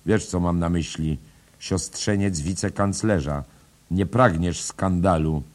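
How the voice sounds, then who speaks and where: A man voicing an anxious middle-aged man who talks urgently and persuasively to calm others. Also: sits low, measured pace, pitched above the performer's own voice.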